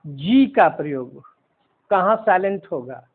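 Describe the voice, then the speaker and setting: A man teaching English pronunciation, explaining word by word in a slow, deliberate way. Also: high voice, expressive. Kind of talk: pronunciation lesson. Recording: phone-like narrow sound.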